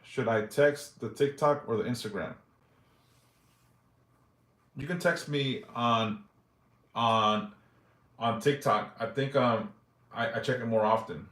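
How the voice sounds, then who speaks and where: The voice is a man's, medium in pitch and fairly bright, with fairly even intonation, a slow pace and frequent pauses in a reverberant space. He's a livestream host in his forties reading viewers' yes-or-no questions aloud and giving brief, loose, profane answers.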